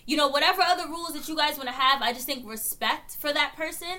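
A woman co-hosting a casual podcast chat, talking quickly and leaning on "I feel like" as she gives her view. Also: high-pitched, bright, forceful tone. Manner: quick, chatty, many "like" and "I feel like" fillers. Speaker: podcast co-host. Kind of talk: casual group discussion.

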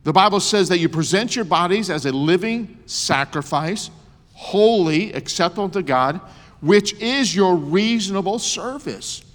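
A man's voice: high-pitched, lively intonation, a little slow. A man in his sixties preaching a sermon with emphasis and joking asides. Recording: long hall reverb.

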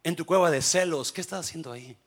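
A Mexican man preaching with a Mexican Spanish accent, his voice husky and fairly high for a man. He swings from near-whispered intensity to shouted exhortation and slips English phrases into his Spanish. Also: fast talker. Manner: shouts and sings out exhortations, then drops to hushed intensity. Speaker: pastor. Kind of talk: sermon.

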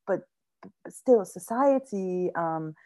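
Speaking slowly in a fairly low, slightly mellow voice, this young Syrian woman sounds animated as she recounts her story in an interview. An actress and native Arabic speaker, she is earnest and frequently repeats words as she hunts for the right ones.

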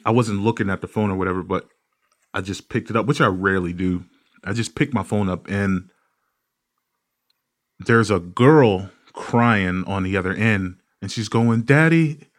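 A man rants through a casual podcast monologue, cursing freely and throwing himself into his stories. His voice sits on the low side, and his storytelling is animated and comedic. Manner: profane, ranting, animated storytelling. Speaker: podcast host.

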